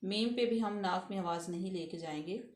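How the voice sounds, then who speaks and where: A woman teaching Quran recitation rules step by step, patiently explaining each letter and then reciting the words slowly. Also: mid-range voice, darkish tone, echoey room. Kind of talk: step-by-step tajweed lesson.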